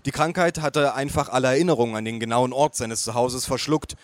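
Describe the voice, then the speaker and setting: A man reading a first-person audiobook in a calm, measured way with a wry edge. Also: mid-range voice, no room sound. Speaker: audiobook reader.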